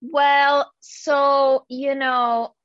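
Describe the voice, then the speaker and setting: A woman's voice: sits high, flat delivery, extremely slow, fairly bright tone, no room sound. A woman from the Czech Republic chats as a podcast guest, hesitant and full of fillers. Her voice comes through a slightly dull, lo-fi recording. The sound is dry and close, with no room around it. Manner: hesitant, lots of ums and restarts. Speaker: guest, yoga teacher and life coach. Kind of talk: casual podcast conversation.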